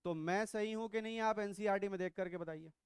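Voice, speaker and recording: Middle-aged male biology teacher, high smooth voice, playful and quizzing. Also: brisk, no echo, studio quality. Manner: teasing, quizzing students, mixes English into Hindi. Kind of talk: classroom lecture. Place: classroom.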